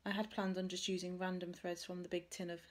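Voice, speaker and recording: In a lowish voice with a level tone and a quick pace, a woman vlogger casually discusses her stitching to camera. She rambles a bit, fixing her own words as she works through her thoughts.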